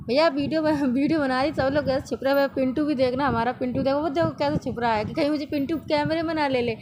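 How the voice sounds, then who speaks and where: A young woman from northern India talks viewers through her family vlog, chatty and easygoing, breaking into laughs. Her voice sits a little high for a woman. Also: steady tone, fast, background noise. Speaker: family vlogger. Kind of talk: casual vlog narration.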